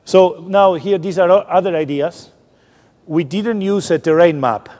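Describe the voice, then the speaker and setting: In a large lecture hall with long reverb trailing each line, a man gives a public science talk. His voice is high-pitched and a bit dark, moving at a measured pace as he explains casually and keeps restarting his sentences.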